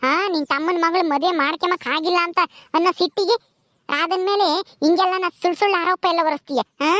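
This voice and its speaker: A woman voicing the ghost of a dead first wife, scolding and vengeful, in a lower voice. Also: fairly bright tone, no room sound, studio quality.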